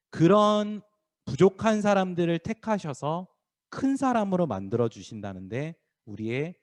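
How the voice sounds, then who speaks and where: A man preaching a casual, playful sermon to middle schoolers as youth pastor, acting out voices as he goes. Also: medium pitch. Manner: lively, acts out crowd voices, teasing students by name. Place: small church worship room.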